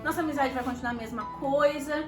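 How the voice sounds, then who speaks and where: A Brazilian woman casually telling a couple's story, lively and laughing often as she acts out what others said. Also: sits high, quick pace. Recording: echoey room with background music.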